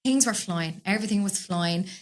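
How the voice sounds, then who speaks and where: A woman's voice: medium pitch, fairly quick. A woman with a Dublin accent, a podcast guest chatting casually in a studio, rambling from story to story and laughing often. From Dublin, Ireland. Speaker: podcast guest, business owner. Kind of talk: casual interview chat.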